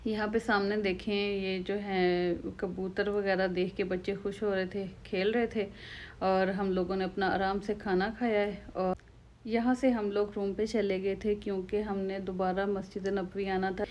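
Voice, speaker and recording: A young Pakistani woman with a Pakistani Urdu accent and a slightly hoarse throat, chatting to viewers in a casual travel vlog. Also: medium pitch, level tone, moderate pace, darkish tone. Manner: chatty, conversational, addresses viewers directly. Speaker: vlogger.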